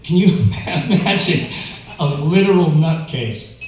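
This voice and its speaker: Male open-mic comic, higher-pitched, hesitant and stammering, casual and foul-mouthed, heavily reverberant room. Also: expressive, slow pace, a little mellow, a little hiss or hum. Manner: hesitant, with stammered repeats and filler-laden stalling; casual, profane, slangy. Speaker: amateur stand-up comedian. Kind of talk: stand-up comedy at an open mic. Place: indoor open mic venue. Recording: very echoey room, distant mic.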